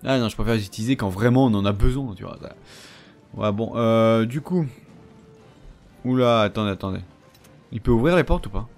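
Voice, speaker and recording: A man's voice: fairly low pitch, fairly quick, pauses often, a little mellow, soft background music. A man giving casual commentary over his own gameplay, chatty and teasing the enemies he fights. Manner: chatty, taunts enemies, frequent fillers. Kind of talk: casual let's-play commentary.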